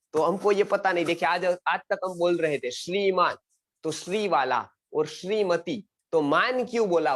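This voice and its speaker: A middle-aged man from India teaching an online Sanskrit lesson, repeating words and checking that his students follow. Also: high-pitched. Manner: quizzing students, repeats words, frequent "samajh gaye?". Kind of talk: explanatory online class lecture.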